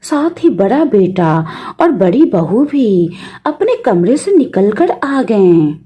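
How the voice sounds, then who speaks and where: A woman's voice: medium pitch, big pitch swings, slow pace, warm tone, breathy edge. A woman narrating a devotional story, reverently addressing the listeners again and again.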